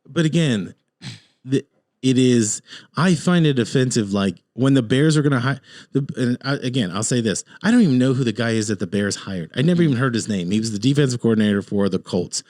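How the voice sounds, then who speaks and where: A man's voice: medium pitch, expressive, a little fast, a little mellow, no echo, studio quality. A man hosting a podcast, chatting casually about sports in an opinionated, rambling, joking way. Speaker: podcast host.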